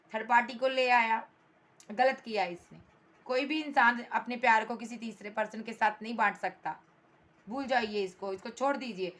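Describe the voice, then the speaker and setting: A woman reading tarot cards for her viewers in a blunt, emphatic way. Her voice sits a little high. She scolds the absent partner and keeps reassuring the listener. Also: a bit bright. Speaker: tarot reader.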